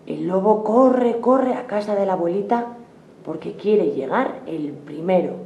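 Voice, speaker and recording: A woman narrating a children's fairy tale in slow, clear, simple sentences. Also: mid-range voice, expressive, dark tone, roomy sound, highs cut off, a little hiss or hum.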